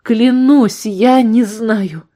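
A woman's voice: on the high side, extremely slow, mellow, voice pushed up. A woman voicing a frightened young woman who pleads desperately with her abuser in an audiobook. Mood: desperate pleading.

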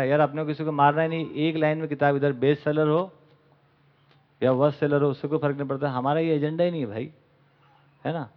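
Male camp lecturer, raised voice, mixes in English words, rhetorical questions; muffled lo-fi audio. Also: fairly high pitch. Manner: asks the audience rhetorical questions. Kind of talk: spoken lecture to a live audience. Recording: dull lo-fi recording.

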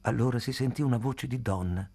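A man reading a novel aloud in a measured, even narration. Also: medium pitch, husky. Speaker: reader. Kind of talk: scripted audiobook narration.

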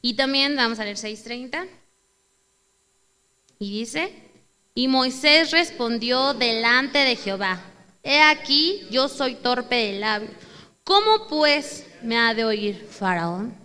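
A woman with a Mexican accent preaching a sermon, acting out prayers and questions in a raised, animated voice. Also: fairly high pitch, takes it slowly, clear, resonant tone. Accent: Mexican Spanish. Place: church hall. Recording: hall reverb.

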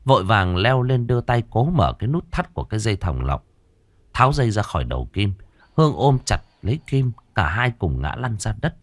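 A man narrating a horror story, dramatic and expressive. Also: fairly low pitch, a little fast, no echo.

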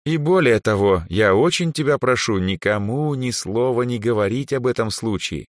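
A man's voice: mid-range voice, animated, moderate pace, dry recording, clean studio sound, voice pushed up, lightly acted. A man voicing an aging male archmage who sighs, lectures and sometimes snaps in anger. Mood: wry. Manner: sighing, lecturing, flares into anger. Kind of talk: audiobook character voice.

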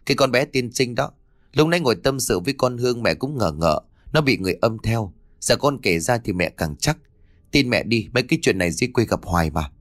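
A man playing a superstitious older mother-in-law in a ghost-story audiobook. She talks in a fretful, knowing manner with an animated lilt. The voice is close and dry. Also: mid-range voice, brisk, no echo, lightly acted. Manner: fretful, knowing folksy talk.

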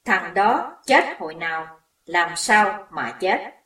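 A woman's voice: lowish voice, animated, takes it slowly, bright, forceful tone, full character voice. A woman voicing a frightened older mother, shaken and guilt-ridden, recorded in a roomy space away from the mic. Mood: shaken pleading. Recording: roomy echo, distant mic.

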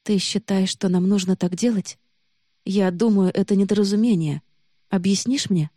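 A woman's voice: normal speed, mellow, no room sound, studio quality, close to an everyday voice. A woman reading the lines of a young woman who is bewildered and pleading. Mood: quiet. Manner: pleading, rising in pitch.

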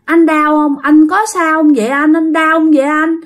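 A woman's voice: sits high, little pitch movement, normal speed, voice pushed up, lightly acted. A woman voicing a sweet little girl who pleads tenderly and anxiously. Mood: pleading.

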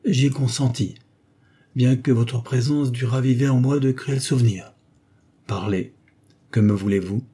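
A man's voice: medium pitch, steady tone, a little slow, pauses often, warm tone, breathy edge, voice pushed up. A man reading the part of a proud, scornful young former governess, with a cold, ironic, cutting delivery. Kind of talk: audiobook dialogue reading.

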